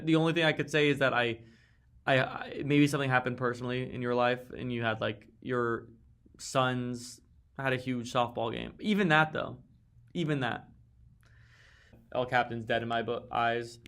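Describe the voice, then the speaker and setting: A man's voice: medium pitch, steady tone, brisk, a bit bright. A man giving a casual, mock-serious rant as a league commentator, sarcastic and swearing, with sudden exasperated outbursts. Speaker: fantasy football league commentator.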